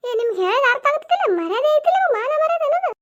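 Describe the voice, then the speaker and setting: A furious middle-aged cartoon village woman, shrill and very high-pitched, voiced by a woman. She scolds in quick bursts of rhetorical questions. Her voice sits extremely high and the pace stays fast. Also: big pitch swings, lo-fi sound. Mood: furious scolding.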